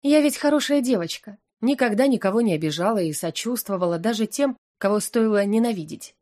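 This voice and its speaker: A woman reading a first-person fantasy audiobook, in an expressive, anxious and wry voice. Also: mid-range voice, a little fast. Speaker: audiobook narrator.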